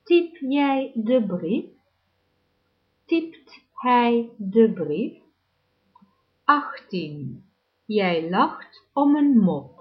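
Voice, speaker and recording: A woman reading numbered practice sentences aloud as a language teacher, in a deliberate drill style with long pauses. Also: on the high side, big pitch swings. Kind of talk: slow, clearly enunciated drill reading. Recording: dull lo-fi recording.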